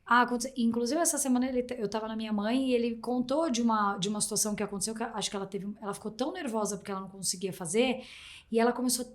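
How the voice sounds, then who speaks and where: A woman with a Brazilian Portuguese accent hosting a podcast, telling stories in an animated way, acting out her child's replies, often restarting her sentences. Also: on the high side, racing. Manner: rambling with frequent restarts. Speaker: podcast host. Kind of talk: casual interview chat.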